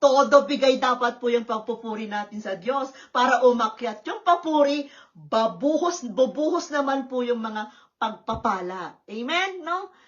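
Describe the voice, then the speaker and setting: A woman pastor preaching a sermon at a church service, lively and often checking in with the congregation. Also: fairly high pitch, a little slow, highs cut off. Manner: lively, questioning the congregation with tag words.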